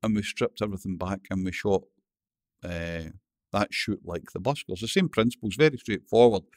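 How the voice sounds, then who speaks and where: This is a casual interview chat where the guest, an older Scottish man from Glasgow, mumbles through anecdotes and swears freely. His voice is deep and his pace moderate, with a dry, clean studio sound.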